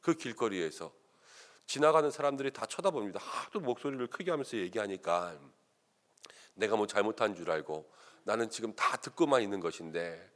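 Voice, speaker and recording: Lively storytelling pastor, low voice. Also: male voice, fairly quick. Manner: animated, acts out quoted voices of others. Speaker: senior pastor. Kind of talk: sermon with storytelling.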